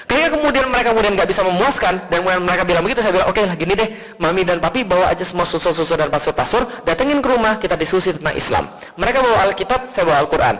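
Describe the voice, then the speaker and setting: A man from Indonesia preaches with a high, quick voice, telling stories and acting out the people in them. He keeps turning to the audience with questions. The recording sounds thin and phone-like, with a long echo from a large hall. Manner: animated storytelling with quoted voices, asks the audience questions. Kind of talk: lively sermon to an audience.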